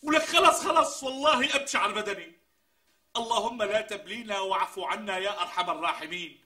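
An actor playing a skeptical friend in a TV comedy sketch, reacting with exclamations and disbelief. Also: male voice, high voice, brisk, pushed and bright. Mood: incredulous. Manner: exclamatory, incredulous. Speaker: comic sketch character.

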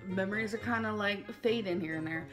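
A woman's voice: medium pitch, fairly quick, fairly bright tone, soft background music. A woman talking casually on a livestream, rambling and leaning on the word "like". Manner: rambling, heavy use of filler "like".

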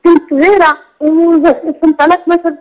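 A woman calling in over a garbled, unclear phone line, talking in a hurried way that is hard to follow. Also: very high-pitched, level tone, darkish tone. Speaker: caller. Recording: muffled distant phone call.

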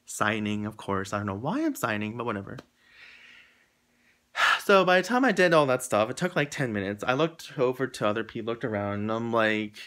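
A young man telling a story casually to his viewers, rambling and acting out what people said, his pitch jumping up high when he gets excited. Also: a little fast. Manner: animated, rambling, acts out quotes with jumps in pitch. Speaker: vlogger.

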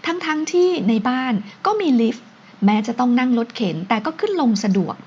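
A woman author narrating her own novel in a steady, unhurried reading voice, on a dull recording with faint hiss. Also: sits high.

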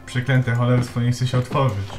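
A man commenting on a horror game as he plays, swearing, talking to himself and to objects, and shouting in panic when scared. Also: medium pitch, steady tone, fairly quick, roomy sound, music in the background. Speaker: let's play gamer. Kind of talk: let's play commentary.

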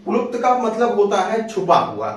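A man's voice: sits high, big pitch swings, normal speed. A male teacher, giving an exam-prep lesson and repeating questions he then answers. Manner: repetitive, asks and answers own questions. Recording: very echoey room, distant from mic.

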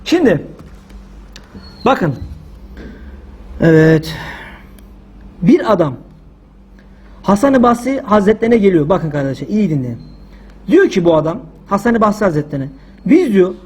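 Male preacher, high voice, husky edge, delivers sermon loudly and forcefully. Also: very animated, moderate pace, pauses often. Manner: loud, forceful, shouting preaching.

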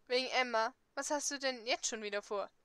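A woman playing a cocky, rebellious teenage boy in a dating game, mocking and gruff. The voice is high and bright, with no room echo at all. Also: brisk. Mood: teasing. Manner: teasing, gruff, curt.

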